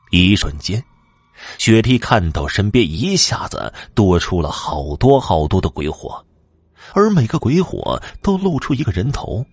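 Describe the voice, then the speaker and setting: A very deep-voiced man narrates a horror tale with a dramatic, expressive delivery, his pitch swinging widely as the story builds. His voice is husky and breathy, recorded close and dry with no room sound. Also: no echo.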